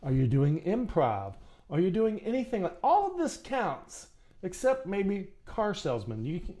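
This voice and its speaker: A man's voice: on the high side, darkish tone. A man coaching would-be actors in a casual, folksy how-to talk, addressing the viewer directly. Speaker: acting coach.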